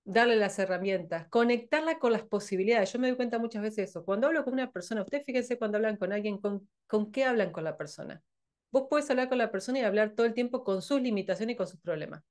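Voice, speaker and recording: A woman's voice: on the high side, quick pace, a little mellow. A woman with a Rioplatense Spanish accent, from Argentina, giving a blunt, provocative motivational talk as a sales coach. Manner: blunt, provocative, laughs often.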